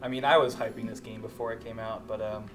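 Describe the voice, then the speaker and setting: A man's voice: lowish voice, little pitch movement, fast. A young adult man casually explaining a video game during play. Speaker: video game let's player. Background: faint game music.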